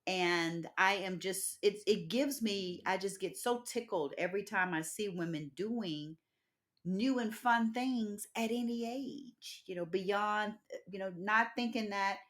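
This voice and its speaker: Podcast host, woman in her fifties, expressive and emphatic with frequent laughter, mid-range voice. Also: mid-range voice, a little slow. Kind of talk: casual interview chat.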